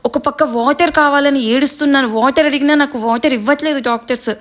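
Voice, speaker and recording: High-voiced heartfelt woman storyteller. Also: steady tone, quick pace. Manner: heartfelt, earnest. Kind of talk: emotional story narration and personal account.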